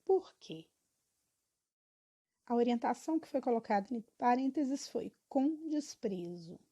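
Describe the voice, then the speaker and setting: Young student reading homework answers. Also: female voice, fairly high pitch, lively intonation, measured pace, dark tone, slightly rough. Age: about 12. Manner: reads evenly with small stumbles and restarts.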